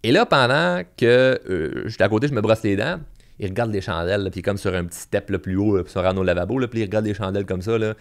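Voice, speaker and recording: A man with a Quebec French accent hosting a podcast, telling anecdotes in a casual, animated way full of fillers and restarts. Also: lowish voice, fast. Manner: animated storyteller with many fillers and repeats. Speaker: podcast host.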